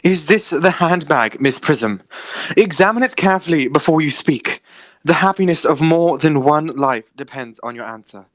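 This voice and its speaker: A woman playing an earnest, excitable young gentleman in an amateur radio comedy, formal and theatrical. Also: low-pitched, moderate pace, no room sound. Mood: grave, urgent.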